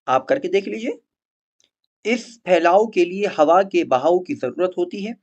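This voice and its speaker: Male Quran tutor for a recorded lesson, methodical and repetitive, slightly raised pitch, muffled lo-fi sound. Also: lively intonation, a little mellow. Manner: patient, repeats example words slowly, mixes in English terms. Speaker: Quran tajweed teacher. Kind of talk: explaining letter articulation in a recorded lesson.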